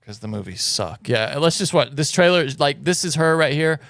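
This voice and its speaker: A man's voice: a little high, expressive, brisk, creaky, a bit bright, no echo, studio quality. A man co-hosting a podcast, agreeing and bantering with the host. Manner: agreeable, laughing along, sidekick banter. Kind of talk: casual podcast chat.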